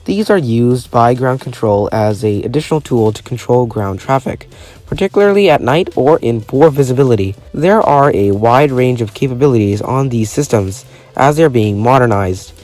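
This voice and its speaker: Over background music, a male explainer-video narrator reads a formal, matter-of-fact educational script at normal speed. His medium-pitched voice is animated and a little mellow, and now and then he trips over a word.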